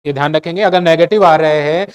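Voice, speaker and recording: Clear-voiced Hindi-speaking male chemistry teacher. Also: on the high side, fast. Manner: repeats key points, quizzes students with rhetorical questions. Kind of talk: classroom lecture.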